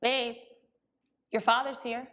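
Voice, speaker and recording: Casting: woman plays late-twenties girlfriend, slightly high voice, insistent yet affectionate, stage drama. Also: level tone, slow, fairly bright tone. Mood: polite, careful. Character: firm, caring pregnant partner in her late twenties. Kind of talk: stage play dialogue.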